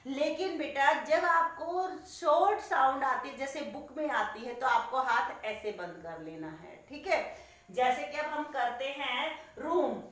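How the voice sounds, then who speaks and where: A woman's voice: sits high, a bit bright. A woman teaching young children patiently, checking in again and again that they follow and calling them "beta". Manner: patient, repeats "theek hai?" and calls pupils "beta". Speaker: primary school teacher. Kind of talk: explaining a lesson to young children. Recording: very echoey room, voice far from the mic.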